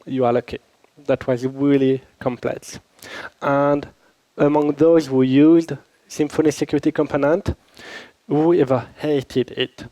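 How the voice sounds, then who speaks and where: This man's medium-pitched, warm voice stays steady and a touch slow. He leads a conference workshop in a friendly, informal manner, questioning the audience, speaks with a French accent, lives in Switzerland, and is recovering from a cold. Recorded on a handheld or lapel microphone, the audio has no room sound but is poor.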